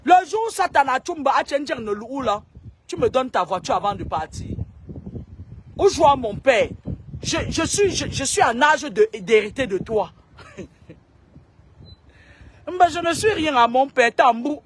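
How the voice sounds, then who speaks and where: A woman's voice: high voice, animated, measured pace, pauses often, a little hiss or hum. A woman speaking straight to camera in a long, scolding monologue. She repeats herself and stammers on words as she goes. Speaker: self-styled seer.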